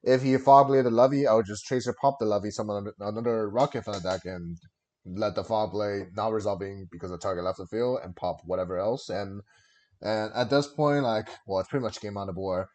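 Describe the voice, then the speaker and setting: A man with a slightly low voice talks through a headset mic on a livestream. He calls his card plays in terse bursts and pads them with fillers. The tone stays casual. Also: fairly quick, a little mellow. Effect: livestream headset mic audio. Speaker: streamer and card game player. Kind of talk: casual play-by-play commentary of his own turn.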